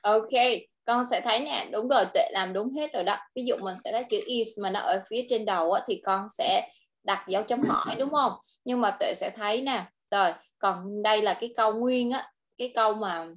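A woman with a Vietnamese accent tutoring English, patiently coaxing and modelling sentences slowly. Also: medium pitch. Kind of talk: online tutoring lesson.

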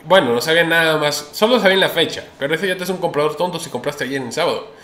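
Opinionated male news host, casual delivery, slightly high and bright, roomy sound. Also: rapid-fire. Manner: chatty, opinionated, many restarts and fillers.

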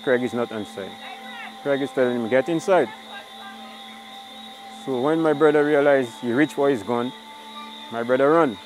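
A man tells what happened in a plain, step-by-step interview account. His voice is mid-pitched, with soft music underneath. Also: a little fast, low-quality recording. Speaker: victim's brother. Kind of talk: interview testimony.

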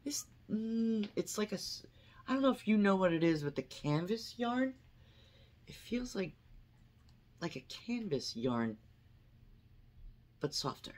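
A woman's voice: mid-range voice, very animated, unhurried, long pauses, darkish tone. A woman vlogger unboxing her yearly yarn haul at home, chatting unhurriedly and reading out the labels. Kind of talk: casual unboxing chat.

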